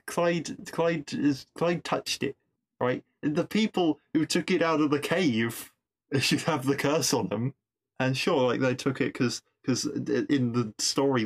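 A man at a mid-range pitch, talking through a TV episode in a loose, conversational recap. He drifts into wry asides and often repeats a word while he thinks. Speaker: podcast host reviewing episodes.

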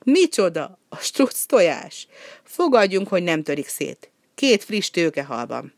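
A reader voicing a boastful, mischievous young male penguin who talks loud and teasing. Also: mid-range voice, big pitch swings, no echo, studio quality, voice pushed up. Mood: cocky, teasing.

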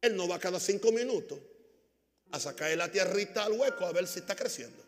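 A man preaching a sermon as a pastor, calling on the congregation to repeat after him and swinging between loud emphatic bursts and quiet asides. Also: high-pitched, lively intonation, fairly quick, big-room sound, faint music behind. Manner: preaching with call-and-response to the congregation.

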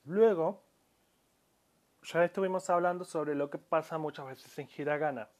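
A man's voice: a little high, moderate pace, darkish tone. A man giving a spoken language lesson, explaining pronunciation patiently and stretching out example words, with frequent restarts. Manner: calls himself audio-lesson maker, addresses listeners. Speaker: Japanese language teacher.

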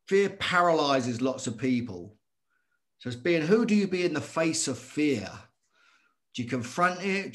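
A middle-aged man, a former boxer telling his story as a guest in earnest, animated talk that circles back on itself. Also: a little high. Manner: earnest, animated, repeats himself. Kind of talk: conversational storytelling.

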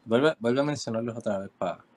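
Hombre puertorriqueño que cuestiona. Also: male voice, medium pitch, a little mellow. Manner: questioning, probing, quick interjections. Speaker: podcast co-host. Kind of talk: casual sports debate.

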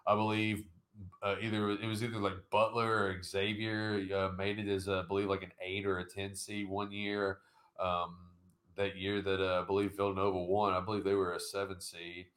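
A man with a very low voice co-hosts a laid-back sports podcast. He wanders through his points, piling on fillers and "I believe" hedges as he goes. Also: flat delivery, normal speed, fairly bright tone. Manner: rambling, heavy with fillers and hedges. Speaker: podcast co-host. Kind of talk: casual sports chat.

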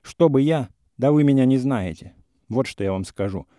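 In an audiobook reading of a classic story, a man voices a hot-headed young gentleman suitor, sounding heated and insistent. His mid-range delivery is animated and moderately paced, pitched above his own voice yet natural, in a dry, studio-quality recording.

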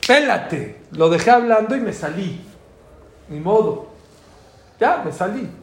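Lively Mexican man teaching a class. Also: high-pitched, measured pace. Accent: Mexican Spanish. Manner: lively storyteller, acts out dialogue. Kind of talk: informal religious class talk with anecdotes. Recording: echoey room with faint ambient noise.

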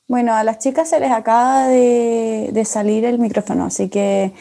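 Young Chilean woman with a gravelly fry. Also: a little high, steady tone, a little slow, mellow. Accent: Chilean Spanish. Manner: joking, chimes in with short agreements. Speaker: podcast co-host. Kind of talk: casual chat.

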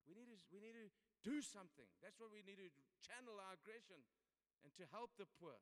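A man's voice: high-pitched, fairly quick. An older man with a South African accent, preaching a sermon to men in a chatty, storytelling way. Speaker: pastor. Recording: long hall reverb.

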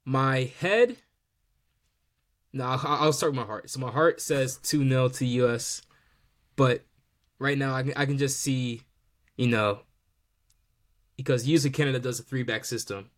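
Male podcast host, mid-pitched, loose slangy chat full of "um"s and restarts. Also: a little slow, long pauses. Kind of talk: casual sports chat.

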